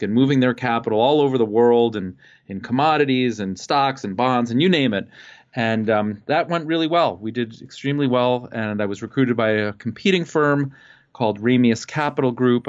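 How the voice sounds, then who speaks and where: A man from Costa Rica, a guest entrepreneur, telling his life story in a relaxed way with many pauses and fillers. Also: mid-range voice, highs cut off.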